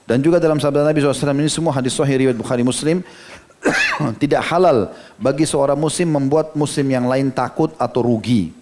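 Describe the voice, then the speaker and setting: A man from Indonesia delivers a storytelling sermon at a brisk clip, his pitch sitting in an ordinary middle range. He talks like he is chatting with the congregation, unpacking every quote in plain language and peppering it with casual "ya" and "gitu" asides. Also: background noise. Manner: conversational, drops in frequent "ya" and "gitu" asides; explains each quote in plain everyday words. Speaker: Islamic preacher.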